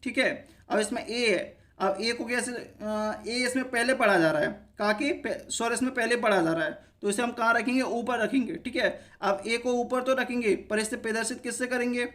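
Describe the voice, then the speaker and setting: A man's voice: very high voice, normal speed, hardly any pauses, fairly bright tone. Hindi man teaching shorthand step by step. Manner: asks himself questions and answers them, stops to check understanding. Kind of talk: step-by-step lesson explanation.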